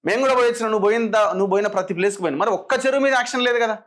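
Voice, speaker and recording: A man's voice: high-pitched, very fast, a bit bright. A man with a Telangana Telugu accent giving opinionated political commentary, firing sarcastic rhetorical questions.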